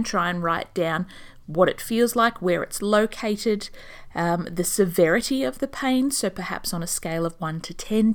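A woman, a stomal therapy nurse hosting a podcast, who talks out of breath while calmly explaining and advising listeners step by step into a podcast microphone. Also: on the low side. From Australia. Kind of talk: informational podcast monologue. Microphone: studio podcast microphone.

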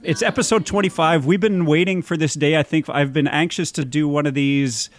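A man's voice: fairly high pitch, fairly even intonation, brisk, soft background music. A middle-aged man, hosting a podcast in a casual, chatty style. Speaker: podcast host.

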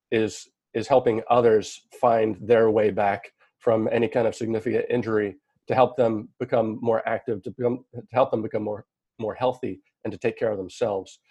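Man, panelist, earnest, halting restarts, lowish voice, dry sound. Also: warm tone, slightly rough, no echo, muffled recording. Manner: earnest, with frequent restarts and fillers. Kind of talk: panel discussion introduction.

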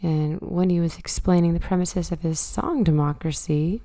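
A woman hosting a casual spoken monologue, hoarse and raspy from a cold, talking thoughtfully with many fillers. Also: lowish voice, fairly even intonation, normal speed, dark tone. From Canada. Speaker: podcast host.

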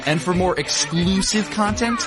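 A woman's voice: lowish voice, moderate pace. A woman reading a scripted promotional outro to viewers, with guitar music behind her. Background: plucked guitar music.

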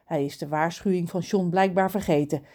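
A woman narrating a children's storybook in an expressive, animated way. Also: lowish voice, brisk. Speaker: audiobook reader.

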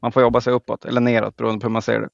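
A man's voice: medium pitch, monotone, creaky, dry recording. A man talking as a podcast guest in casual chat, with dry self-deprecating humor. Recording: slightly dull dry sound.

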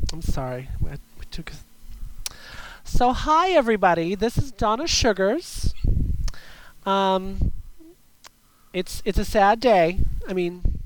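A man's voice: sits high, slight background noise, poor audio. A man hosting a show with a chatty, campy drag queen delivery. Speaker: show host.

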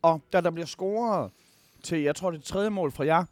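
A man's voice: on the high side, darkish tone, no echo. A man co-hosting a podcast who cuts in bluntly and swears casually during a heated debate. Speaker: podcast co-host.

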